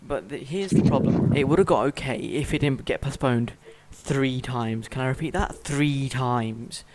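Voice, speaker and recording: A young man in casual chat about video games, blunt and quick to swear. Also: mid-range voice, crowd noise, low-quality recording. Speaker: gaming YouTuber. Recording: faint noise with clicks.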